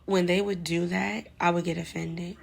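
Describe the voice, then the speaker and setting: A young adult woman with a New York accent chats casually and directly to her viewers in an advice vlog, saying "like" a lot. Her voice is lowish and creaky, with a level tone and a moderate pace.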